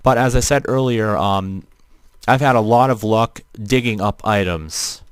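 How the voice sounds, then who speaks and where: A man streams a role-playing game in a fairly low, robotic-sounding voice. His speech is clean and smooth in tone but halting, with repeats and rephrasing. The sound is close and dry, as casual running commentary on his play. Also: no room sound. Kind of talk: casual gameplay livestream commentary.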